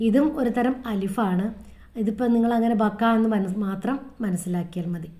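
A woman with a Kerala Malayalam accent teaches a recorded lesson to young children, repeating words and making animal sounds in a sing-song way. Her mid-range voice has a dark tone and a normal speed.

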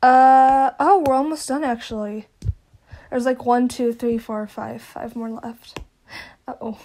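High-voiced young woman, playful and loud. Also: fairly even intonation, measured pace. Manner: playful, swears a lot, dramatic outbursts. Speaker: channel host. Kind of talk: casual Q&A chat. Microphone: home microphone.

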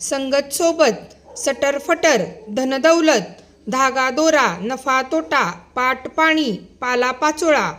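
A woman teacher giving a lesson for young pupils, reading a word list aloud slowly and clearly, one item at a time. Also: high voice, fairly bright tone. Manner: slow, clear dictation-style reading.

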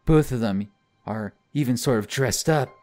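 A man's voice: medium pitch, normal speed, dark tone, soft background music. A man reading a visual novel aloud in a mock-dramatic way, breaking off into jokes with a friend. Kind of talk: comedic read-through.

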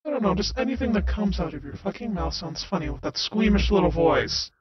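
Man acting a high-pitched sadistic, taunting villain. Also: lively intonation, brisk, husky, highs cut off. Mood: scornful, impatient. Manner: taunting, sneering. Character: sadistic, mocking, foul-mouthed male villain. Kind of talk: improvised Minecraft role-play drama.

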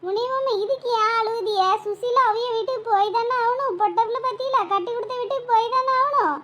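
A woman's voice: very high-pitched, a little fast, a bit bright, a little hiss or hum. A woman voicing a nosy, scheming young village woman, prying and gossipy. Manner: prying, gossipy, mock-soothing.

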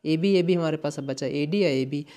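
A woman's voice: low-pitched, normal speed, dark tone. A woman with an Indian accent teaching an exam-prep English lesson, explaining patiently and repeating words to check understanding.

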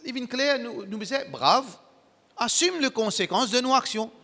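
A man preaching to his congregation, emphatic and repetitive, in broken, halting phrasing. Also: very high voice, animated, sharp tone, big-room sound. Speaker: Islamic preacher. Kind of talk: sermon to a congregation.

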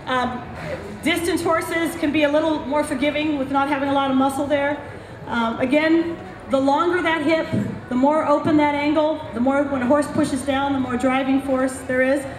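Speaking at a moderate pace with fairly even intonation, this high-pitched woman, a middle-aged vet, explains points into a handheld mic at an outdoor clinic in a racetrack paddock. She gestures as she teaches emphatically, and the room echoes with a little hiss or hum.

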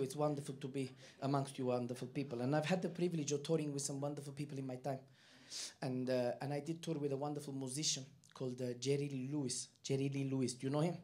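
A male comedian with a put-on Armenian accent, doing live stand-up in broken, halting English on a comedy club stage. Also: mid-range voice. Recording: live club recording with crowd and piano. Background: audience laughter and piano.

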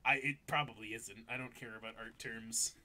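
Bright-voiced, sarcastic young man. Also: mid-range voice, moderate pace. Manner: profane, sarcastic, excitable. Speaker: comic reviewer. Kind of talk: casual comedic commentary.

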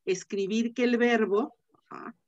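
Woman teacher, patient step-by-step explainer who repeats key points; slightly high voice, dull lo-fi call audio. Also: fairly even intonation, a little slow, a little mellow. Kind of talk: online class lecture.

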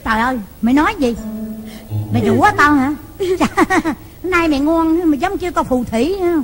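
A woman's voice: sits high, animated, moderate pace. An actress playing a cruel, scheming foster mother in a stage drama, taunting and cackling threats. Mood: mocking. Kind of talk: Vietnamese cải lương stage drama. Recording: stage drama with loud music behind.

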